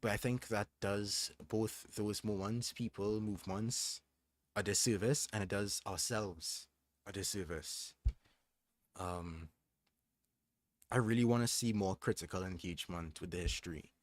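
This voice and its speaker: A young man hosts a livestream, reading aloud from a book and chatting thoughtfully, hesitating and restarting often. His voice is fairly low and a little slow, with no room sound.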